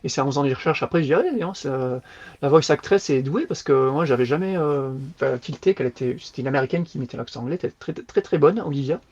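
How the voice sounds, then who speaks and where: A man co-hosting a podcast, chatting casually as he reviews a novel in an animated, slangy, loose way. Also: a little high, fast, dull audio. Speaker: podcast co-host. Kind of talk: casual book review chat.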